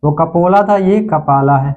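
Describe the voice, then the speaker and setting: A man's voice: a little high, measured pace, darkish tone, highs cut off. A male Sanskrit teacher, teaching in a classroom lecture style. He repeats words and asks questions, then answers them himself. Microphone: recorded lesson video.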